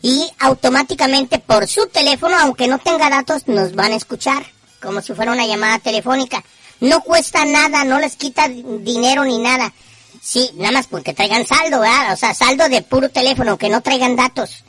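A woman's voice: high-pitched, brisk, fairly bright tone, no room sound. A woman with a northern Mexican accent hosting a call-in show in slangy, teasing, profane casual chat.

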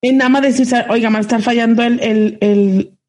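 A woman's voice: on the high side, fairly even intonation, moderate pace, darkish tone. A woman with a Mexican accent, co-hosting a casual online talk show and telling a long anecdote with many restarts. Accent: Mexican Spanish. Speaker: co-host. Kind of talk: casual storytelling chat. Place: remote call from home.

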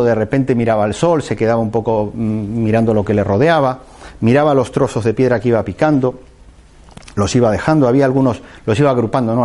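Man, mellow dark voice, unhurried, restarts and fillers, reflective talk. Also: medium pitch. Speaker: speaker giving a motivational talk. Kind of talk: reflective talk with a told parable.

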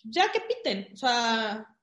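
A woman with a Mexican Spanish accent and a fairly high voice tells a lively story in relaxed chat, taking her time and filling it with fillers. The echoey room can be heard on the recording.

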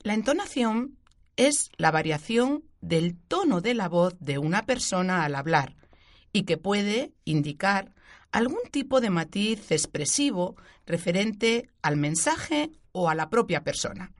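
A woman teacher, explaining a grammar point clearly and giving spoken examples on a radio show. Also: medium pitch, very animated, unhurried. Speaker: Spanish language teacher.

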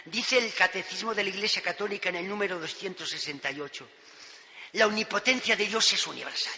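High, bright-voiced Spanish preacher in echoing church. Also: male voice. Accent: Spain Spanish. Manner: emphatic, swinging between loud declarations and hushed quotes. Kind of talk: sermon. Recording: long church reverb, dull lo-fi sound.

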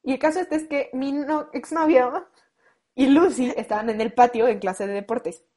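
A young woman with a Mexican accent, close to twenty, telling a story in casual chat, animated and full of slang, acting out what people said. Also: high-pitched, normal speed. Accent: Mexican Spanish. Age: late teens. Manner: animated, slangy, acts out quoted lines. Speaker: guest.

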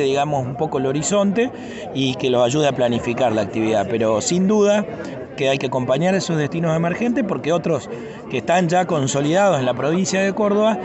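Male official, Cordoba Argentine accent, higher-than-average pitch, conversational explainer in a radio interview, crowded outdoor setting. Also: lo-fi sound. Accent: Cordoba Argentine Spanish. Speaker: tourism official being interviewed. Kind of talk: spontaneous radio interview answers. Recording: busy outdoor crowd noise.

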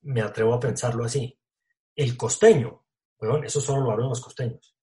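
A man's voice: mid-range voice, a little fast, warm tone. A man from Colombia, an actor talking casually in an interview, full of slang, fillers and restarts.

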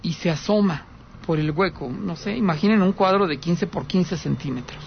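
A man with a noticeably high voice hosts a call-in radio show. He tells an eerie story as a drama, repeats the key points and talks straight to his listeners. The audio is dull and lo-fi, with a faint hiss of noise underneath. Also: normal speed, creaky. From Aguascalientes, Mexico. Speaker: radio host taking calls. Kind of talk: telling a paranormal story on radio.

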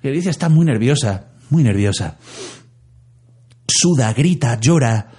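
Guy w husky low voice retelling a plot, jokey n dramatic, kinda dark tone. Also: lively intonation, a little slow. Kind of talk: casual chat.

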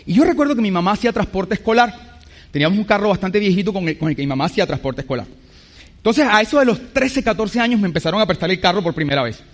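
A man's voice: sits high, expressive, fast talker. A man preaching a sermon, emphatic, acting out what other people say.

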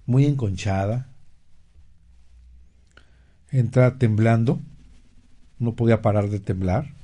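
A man hosting a radio health show, explaining terms and recounting a therapy case in a measured way, with frequent pauses and fillers. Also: mid-range voice, dark tone. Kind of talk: slow explanatory talk.

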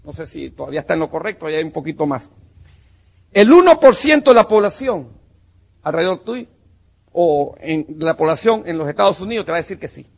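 A man's voice: on the high side, sing-song, a little fast, gravelly, darkish tone. A man giving a motivational business talk to a live audience, punchy and emphatic, calling his listeners champion and brother. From Panama. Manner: punchy and emphatic, calls listeners "campeón" and "mi hermano".

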